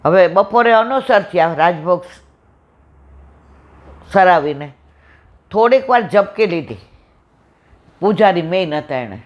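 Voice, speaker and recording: A woman's voice: lowish voice, takes it slowly, pauses often. A woman from Saurashtra with a Saurashtra Gujarati accent, giving a devotional satsang talk at home and acting out the dialogue of her stories with affection. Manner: animated storyteller, acts out dialogue, affectionate devotional tone. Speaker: satsang speaker. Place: home room with visiting devotees. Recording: dull lo-fi recording.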